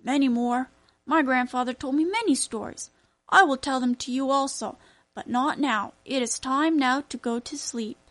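A woman voicing a strong, kind old grandfather who tells his grandson stories, in a warm, steady storytelling manner. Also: high voice, moderate pace. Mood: gentle.

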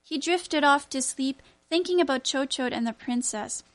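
A woman narrating a children's story aloud in a clear, even reading manner. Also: high-pitched, moderate pace.

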